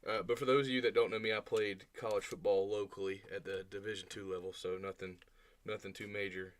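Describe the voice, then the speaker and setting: A man's voice: lowish voice, little pitch movement, fast talker, slight background noise. A young man hosting a casual livestream, chatting in a rambling, easygoing way and laughing often. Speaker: livestream host building LEGO.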